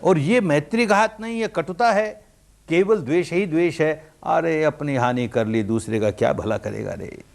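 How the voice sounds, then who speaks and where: A man giving a spoken meditation discourse in an earnest preaching manner, with rhetorical questions and swings between loud emphasis and quiet softness. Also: a little high, normal speed, vocal fry. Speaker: meditation teacher. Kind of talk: dharma discourse.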